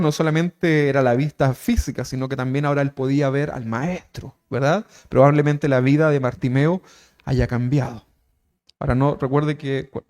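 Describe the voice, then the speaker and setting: Chatty preacher man. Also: mid-range voice. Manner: animated, asks the congregation questions constantly. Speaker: pastor. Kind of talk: conversational sermon.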